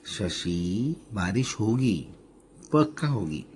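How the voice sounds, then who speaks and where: Gentle, patient husband, a man reading him, low voice, soothing, unhurried. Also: sing-song, a little hiss or hum, exaggerated voice. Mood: reassuring. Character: calm, gentle middle-aged husband who soothes his wife.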